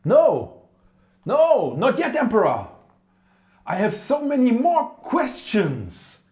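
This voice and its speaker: Desperate human in a sci-fi drama, played by a woman; hugely swooping delivery, slow and pleading, roomy echo. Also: low voice, wildly swooping pitch, dark tone, exaggerated voice. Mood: frantic. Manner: emotional, dramatic, exclaiming and pleading. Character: desperate human pleading with an alien emperor for help. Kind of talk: scripted science-fiction drama. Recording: roomy, echoing room sound.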